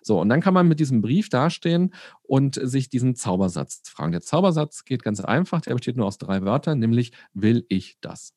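A man talks as a podcast guest, explaining things at an even, mid-range pitch. The recording is dry and close. He now and then acts out the thoughts he is describing. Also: normal speed, dry recording. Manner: explains calmly, acts out imagined inner voices. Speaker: guest, resilience expert. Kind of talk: conversational podcast interview.

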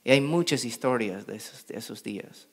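A middle-aged man preaching a sermon in an animated way, acting out quoted voices with big jumps in pitch. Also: fairly quick, husky. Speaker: pastor.

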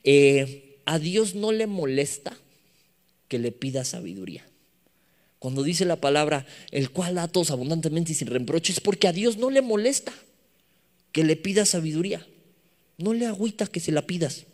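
A young man with a Mexican accent preaching a sermon to youth, animated and mixing playful slang with scripture. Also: on the high side, moderate pace. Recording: long echoing reverb of a hall.

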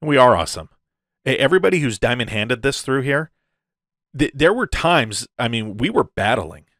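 A crypto video host gushes through a casual, hyped-up update like a typical crypto bro, chuckling often. His mid-range, fairly bright voice swings widely in pitch at a moderate pace, captured clean in a studio with no room sound.

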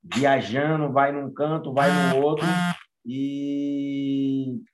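A man's voice: medium pitch, steady tone, very slow. Hesitant man chatting. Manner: hesitant, many fillers and restarts. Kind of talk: casual chat.

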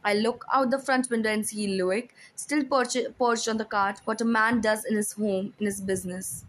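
A woman reading a first-person story aloud in a soft, hushed voice. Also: medium pitch, steady tone, moderate pace, poor audio. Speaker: narrator. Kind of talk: first-person audiobook narration.

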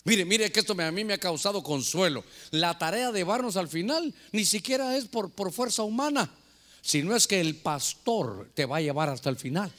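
A man preaching as a pastor, swinging between loud fervor and hushed storytelling. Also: high voice, lively intonation, moderate pace. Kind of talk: sermon. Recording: long hall reverb.

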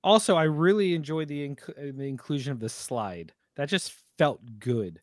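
Higher-voiced man chatting eagerly. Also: animated, moderate pace, dry recording, clean studio sound. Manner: enthusiastic, asks questions. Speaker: podcast co-host. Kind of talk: casual chat.

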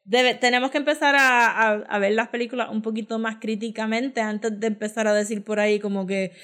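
A woman's voice: on the high side, steady tone, a little fast, a bit bright. A woman with a Caribbean Spanish accent from Puerto Rico, speaking casually and with opinion as a podcast co-host, often switching into English. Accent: Puerto Rican Spanish.

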